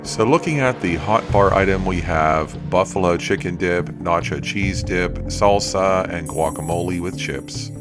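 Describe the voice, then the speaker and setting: A man's voice: low-pitched, a little slow, few pauses. A man narrating a food review vlog as a voice-over in a plain-spoken, itemizing way. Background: music.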